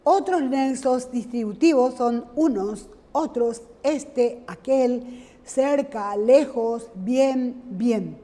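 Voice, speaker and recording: This is a woman teacher, explaining grammar in an unhurried, careful way. Her voice sits high and sounds mellow. A long reverb trails after her words. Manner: slow, deliberate, checks in with "¿sí?". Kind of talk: grammar lesson.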